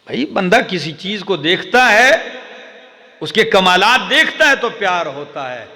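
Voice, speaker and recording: A man's voice: high-pitched, sing-song, sharp tone. A man from Pakistan delivering a sermon as an Islamic preacher, in a melodic, chanting style with emphatic repeated lists. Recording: echoey hall with long reverb.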